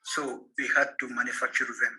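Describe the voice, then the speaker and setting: Narrator: Malian-accented man, steady explanatory read, even pitch, bright tone. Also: brisk, soft background music, rough recording. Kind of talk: scripted narration.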